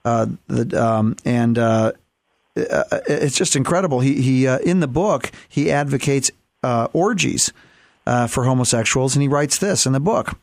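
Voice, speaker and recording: A man hosting a talk show, speaking haltingly with many fillers and restarts. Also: mid-range voice, expressive, dry recording, clean studio sound. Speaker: host.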